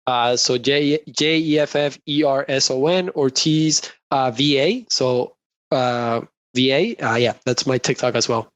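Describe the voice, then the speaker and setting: An upbeat young man from Colombia chats as a podcast guest, laughing easily between thoughts. His voice sits at an ordinary pitch and sounds dry and close, with no room around it. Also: measured pace, no echo. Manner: upbeat, chatty, laughs often. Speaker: guest, real estate investor. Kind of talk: casual interview chat.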